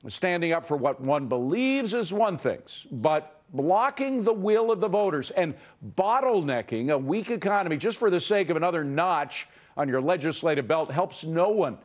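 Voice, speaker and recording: A man's voice: on the high side, lively intonation, normal speed, few pauses. A man hosting a news show and delivering an emphatic, opinionated editorial commentary.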